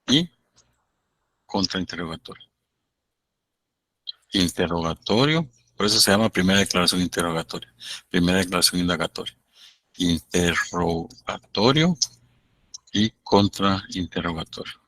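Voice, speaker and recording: A male law professor gives a university lecture in a bright, forceful voice that sits a little low. He explains at an unhurried pace and slips into acted-out courtroom dialogue. The recording is dry and close. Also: no room sound. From Guatemala. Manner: explains slowly, acts out courtroom exchanges.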